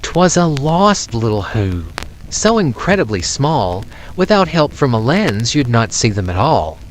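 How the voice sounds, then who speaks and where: A man narrates a rhyming children's story with great expression. His mid-range voice moves slowly and swings widely in pitch, with faint noise behind it. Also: big pitch swings, rough recording.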